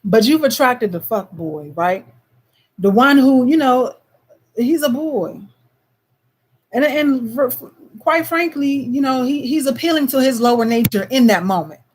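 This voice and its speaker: A woman with a slightly high voice and talks in a loose, chatty monologue. She keeps checking in with her listeners and now and then slips into a put-on Caribbean lilt. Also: lively intonation, a little slow, husky. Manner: loose and conversational, frequent "you know what I'm saying". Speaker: vlogger. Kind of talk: casual monologue.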